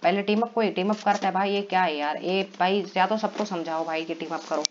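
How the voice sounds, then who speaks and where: An excitable man narrates his game as he plays, breaking into yells and pleas. The recording is dull and lo-fi. A clear layer of background noise runs underneath him. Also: high-pitched, fairly quick. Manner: excitable, yelling and pleading in bursts. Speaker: gaming vlogger. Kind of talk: live game commentary.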